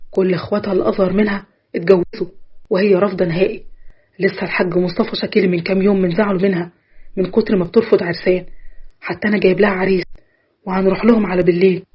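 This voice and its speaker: A woman voicing a gossipy, eager middle-aged male shopkeeper with an Egyptian accent, speaking in a lowered, confiding tone. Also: fairly even intonation, very fast, long pauses, breathy edge, highs cut off.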